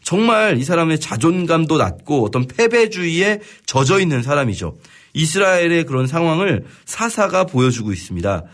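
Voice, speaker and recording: A man teaching a Bible study on the radio, reading verses and explaining them in a conversational way, often pausing to search for words. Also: a little high, sing-song. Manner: reads scripture aloud, then paraphrases it conversationally.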